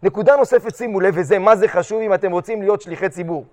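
In a big, echoing hall, a yeshiva teacher with a fairly high male voice leads a lively religious class, quizzing his students and performing brief quotes with animation.

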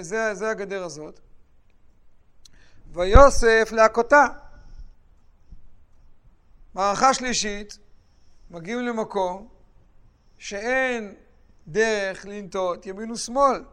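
A man teaching a Bible lesson to a class, telling the story with animated asides to his students. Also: high voice, pauses often, smooth.

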